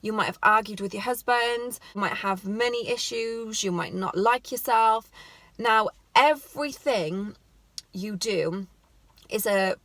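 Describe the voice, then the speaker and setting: A woman's voice: medium pitch, a little slow, a bit bright, no echo, low-quality recording. A woman giving earnest parenting advice in a conversational vlog, full of "like" and "you know". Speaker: parenting vlogger. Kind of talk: advice vlog, talking to camera.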